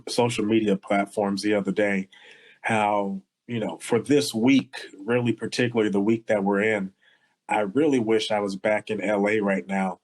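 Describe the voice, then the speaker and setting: Heartfelt co-host from Los Angeles. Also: male voice, lowish voice, steady tone, moderate pace, low-quality recording. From Los Angeles area. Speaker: podcast co-host. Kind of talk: casual podcast conversation.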